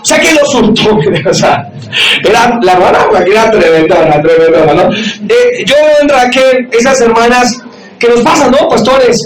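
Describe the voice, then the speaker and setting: High-voiced man preaching loudly, echoey hall. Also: lively intonation, normal speed, recorded from a distance. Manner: preaching loudly with frequent shouted emphasis; acts out quoted voices in dialogue. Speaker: pastor. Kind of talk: sermon. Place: church or meeting hall with audience. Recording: echoey room, mic from afar, audience noise.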